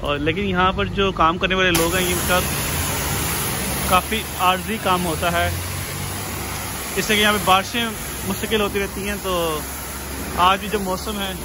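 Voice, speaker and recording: A man's voice: high-pitched, flat delivery, moderate pace, pauses often. Man vlogging at a noisy car wash. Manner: explains step by step, with many fillers. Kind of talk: casual vlog commentary. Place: outdoor car wash forecourt. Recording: outdoor street noise behind voice. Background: cars and outdoor urban noise.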